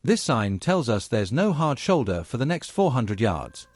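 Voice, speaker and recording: A man presenting a driving lesson in a scripted, instructional narration, explaining each point in a measured way and addressing learners directly. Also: medium pitch, sing-song, darkish tone, no room sound.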